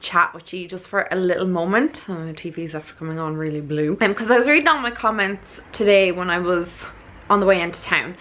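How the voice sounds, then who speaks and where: A woman's voice: lowish voice, a little fast, fairly bright tone. Earnest, rambling Irish woman vlogger. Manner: rambling, earnest, repeatedly checks she makes sense. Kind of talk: casual chat to camera.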